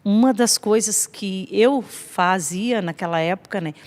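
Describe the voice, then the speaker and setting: A woman's voice: mid-range voice, a little slow, darkish tone. Brazilian woman, 50s, family ministry guest; friendly, chatty delivery with long reverb. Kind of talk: casual church podcast talk.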